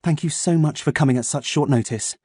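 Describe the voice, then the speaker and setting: A man's voice: on the high side, a little fast, a little mellow, slightly rough, dry recording, pitched above the performer's own voice. A man reading an audiobook, voicing a worried mother who speaks firmly and reassuringly to her son. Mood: firm, anxious. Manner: firm, reassuring. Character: firm, worried mother of two.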